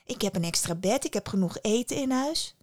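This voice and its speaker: A woman voicing a kindly magical woman in a storybook tale, speaking gently and soothingly. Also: medium pitch, lively intonation, a little fast, dry recording, studio quality, lightly acted. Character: kindly old magical woman of the little house.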